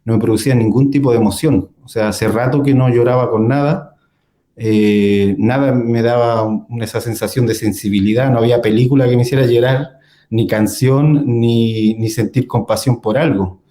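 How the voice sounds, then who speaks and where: Mellow-voiced man telling his story. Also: medium pitch, steady tone, normal speed. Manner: storytelling with frequent fillers and laughs. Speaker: guest. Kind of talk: casual testimony in a conversation.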